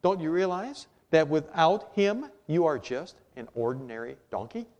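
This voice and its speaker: A gentle mother donkey, as a preacher puts her on. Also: a little high, very animated, moderate pace, highs cut off. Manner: gently chiding.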